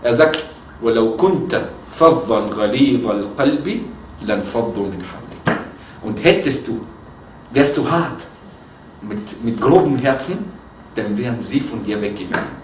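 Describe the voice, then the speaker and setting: Lively preacher man in echoey room. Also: mid-range voice, unhurried. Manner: lively, mixes Arabic quotes into German, asks listeners questions. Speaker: Islamic preacher. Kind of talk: religious lecture. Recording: echoey room, from far off, faint noise.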